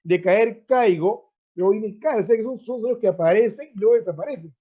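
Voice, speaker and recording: A man's voice: sits high, a little fast, breathy edge. A male teacher explaining grammar in an online class, checking in often with his students and repeating words as he goes. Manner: repeats words while searching. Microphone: video call. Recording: dull lo-fi video call audio.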